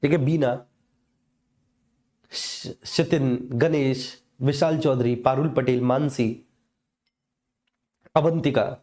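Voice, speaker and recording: Teaching a live online exam class full of personal anecdotes, a North Indian-accented coaching teacher speaks in a mellow, soft-edged voice of medium pitch and steady tone. He goes slowly, pausing often, in a colloquial, didactic style with repeated little check-in tags to his students.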